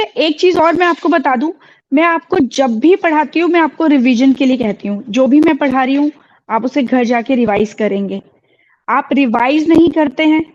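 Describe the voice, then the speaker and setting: Woman, teacher, high pitch, stern and firm, code-switching, dull recording. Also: a little mellow. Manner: stern, mixes Hindi and English. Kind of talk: classroom teaching. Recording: dull lo-fi sound.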